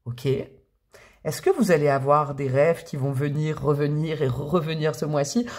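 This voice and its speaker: A woman's voice: low voice, a little slow, darkish tone. Chatty, playful woman reading tarot cards. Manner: chatty and playful, with affectionate pet names. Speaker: tarot reader. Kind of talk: casual tarot reading to camera.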